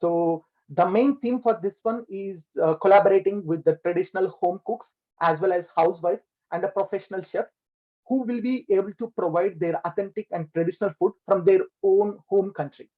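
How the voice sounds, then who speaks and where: A man answers interview questions over a bad video call connection. His audio sounds thin and phone-like and keeps cutting out. His voice sits a little high, and he talks at length with many "like, you know" fillers. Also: brisk. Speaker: business owner interviewed as guest. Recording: tinny lossy video call line.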